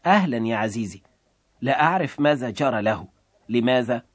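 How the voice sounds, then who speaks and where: A man reading a gentle, tender wife. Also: mid-range voice, a little fast, dry recording, close to an everyday voice. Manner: warm, tender and soft. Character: gentle, patient wife and mother.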